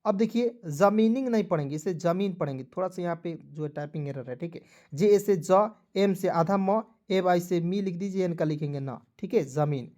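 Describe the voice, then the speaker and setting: A man's voice: high-pitched, fairly quick, mellow. A man teaches an online English spelling lesson. He spells each word letter by letter in a friendly way, keeps calling his viewers friends, and keeps asking if they follow. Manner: spells words letter by letter, often asking "ठीक है ना".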